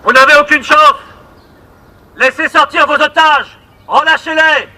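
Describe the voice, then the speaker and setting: An actor playing a police officer who calls out formal, commanding orders through a megaphone to a hostage-taker. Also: male voice, very high voice, steady tone, unhurried, sharp tone, a little hiss or hum, full character voice. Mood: stern.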